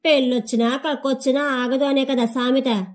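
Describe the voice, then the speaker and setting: A woman's voice: high voice, steady tone, moderate pace, lightly acted. A woman voicing a greedy, complaining older grandmother who whines about her lot. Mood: whiny. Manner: whiny, grasping.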